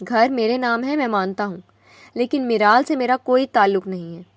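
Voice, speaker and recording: A woman's voice: on the high side, no room sound, natural voice. A woman doing a possessive, desperate young husband. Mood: urgent pleading. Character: possessive young husband, pleading then angry.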